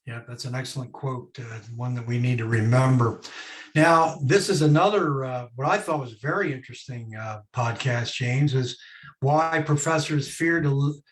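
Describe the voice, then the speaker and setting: A man hosting a conversation over a video call, speaking in a measured way with frequent "uh" and "um". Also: medium pitch. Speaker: host. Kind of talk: hosted conversation.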